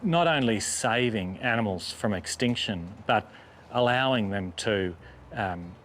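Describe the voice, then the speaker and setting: Low-voiced man explaining in an interview. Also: lively intonation, measured pace, fairly bright tone, a little hiss or hum. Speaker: conservation organisation spokesman.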